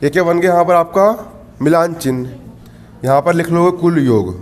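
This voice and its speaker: A male math teacher with a Madhya Pradesh Hindi accent, teaching a class and counting aloud slowly. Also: fairly high pitch. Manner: slow, counting aloud, scolding students. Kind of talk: classroom lesson.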